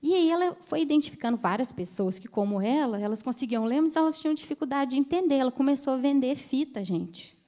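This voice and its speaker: A woman's voice: sits high, lively intonation, fast talker, hardly any pauses, warm tone. A woman, telling patient stories in a chatty way during a conference talk. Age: 30s. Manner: chatty storytelling, addresses the audience directly. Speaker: ophthalmologist giving a conference talk.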